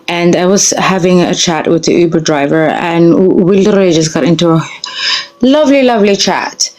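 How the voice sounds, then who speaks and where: A woman's voice: on the low side, darkish tone, low-quality recording. A woman from Somalia on an online panel telling a personal story, hesitant with many fillers. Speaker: panel guest.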